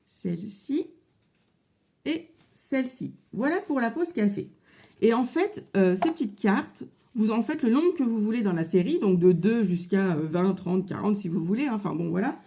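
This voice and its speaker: Chatty French woman, mellow voice. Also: mid-range voice, expressive, normal speed. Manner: chatty, with frequent fillers. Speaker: crafting vlogger. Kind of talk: casual craft tutorial chat. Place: home office.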